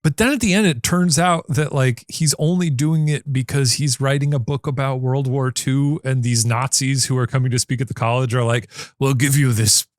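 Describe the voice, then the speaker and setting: A man's voice: mid-range voice, moderate pace, hardly any pauses, no room sound, studio quality. A man in his forties co-hosting a podcast, telling rambling stories in casual chat with many restarts. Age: 40s. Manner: animated, rambling storyteller with frequent laughs and restarts. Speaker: podcast co-host.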